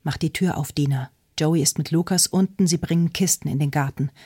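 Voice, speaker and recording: A woman's voice: low voice, brisk, mellow, slightly rough. A woman reads the part of a frightened young woman urging her sister to leave, in an urgent, pleading voice. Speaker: audiobook character.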